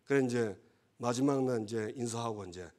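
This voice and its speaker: A man's voice: mid-range voice, normal speed, a little mellow. A male pastor gives a conversational sermon and often checks that the congregation agrees.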